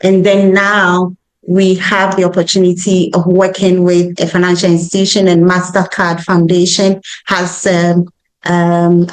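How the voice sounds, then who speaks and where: A school founder, appearing as an interview guest, answers questions earnestly and with strong emphasis, often checking in with "right?". She speaks with a West African, Ghanaian accent in a lowish, darkish voice, and the recording quality is low.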